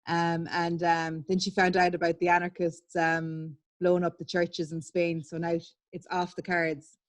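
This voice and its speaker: A woman's voice: on the low side, completely flat delivery, normal speed. A woman, an artist and publisher, giving a candid online talk over a video call, swearing and laughing as she tells stories. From Ireland.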